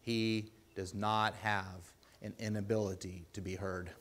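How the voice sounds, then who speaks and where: A deep-voiced lay preacher delivers a sermon in a church, earnest and pleading, breaking into loud, emphatic bursts. His tone is otherwise level and his pace a little slow.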